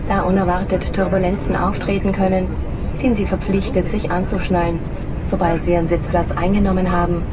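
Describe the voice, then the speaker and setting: A woman's voice: on the low side, level tone, a little fast, over a noisy crowd. A woman giving a formal, scripted flight attendant safety announcement over cabin speakers in an aircraft. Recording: dull cabin speakers, loud aircraft noise. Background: loud aircraft cabin noise.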